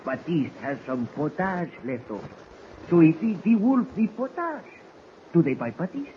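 An actor playing a jolly, boastful French-Canadian woods guide with a put-on accent and broken English, in a 1940s radio drama. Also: male voice, on the high side, very animated, moderate pace. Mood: boastful storytelling. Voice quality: broken English, theatrical storyteller. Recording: dull old radio recording, faint hiss.

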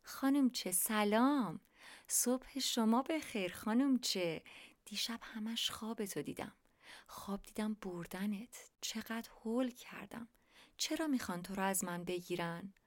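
A woman voicing a devoted wife who talks slowly and tenderly to her pet starling. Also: mid-range voice, close to an everyday voice. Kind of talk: storybook reading.

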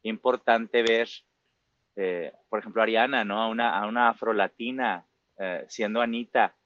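A man's voice: lowish voice, fairly even intonation, moderate pace, dull audio, slight background noise. A Mexican man in his forties with a Mexican Spanish accent, a musical theater performer talking reflectively in an interview, full of fillers and tag questions. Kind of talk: casual interview talk.

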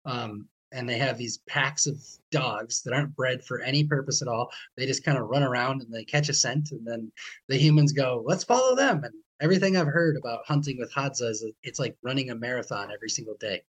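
Male podcast host, mid-pitched, friendly and chatty, restarts words often. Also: brisk, slightly rough, rough recording. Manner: friendly, chatty, repeats words when starting. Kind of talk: casual podcast conversation.

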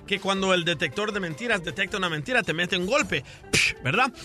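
A man on a radio show, loud and shouty as he tells jokes. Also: high-pitched, a little fast, soft background music. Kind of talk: joking radio banter.

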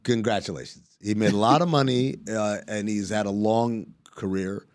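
A man's voice: on the low side, fairly even intonation, moderate pace. A man who is a guest on a basketball podcast, telling a long anecdote in casual chat, acting out quoted dialogue and swearing casually.

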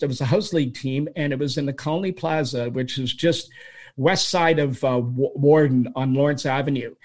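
A man in his sixties from Toronto, Canada, telling long stories as an interview guest, rambling and restarting as he goes. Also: fairly high pitch. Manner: rambling, animated storyteller with frequent restarts. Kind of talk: storytelling interview answers.

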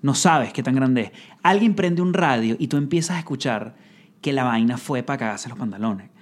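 A man with a Venezuelan accent, a singer guest on a podcast, telling a story in animated casual chat full of swearing. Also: mid-range voice, moderate pace.

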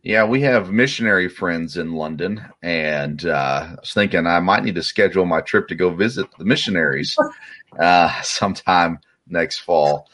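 Low-voiced man hosting a sports podcast. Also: normal speed. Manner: relaxed, hesitant with many fillers and restarts. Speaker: podcast host. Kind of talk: casual sports talk.

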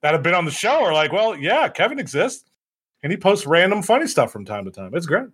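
A man's voice: high-pitched, sing-song, a little fast, fairly bright tone, husky. A man in his thirties hosting a podcast in casual chat, laughing often and rambling with restarts. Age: 30s. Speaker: podcast host.

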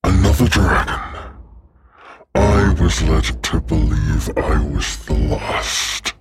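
An imperious, chained old dragon in a tabletop game. The voice is very low and drags out each formal, menacing word with weary anger. There is clear background noise. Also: male voice. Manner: slow, menacing, archaic formal speech. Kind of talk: tabletop role-play acting.

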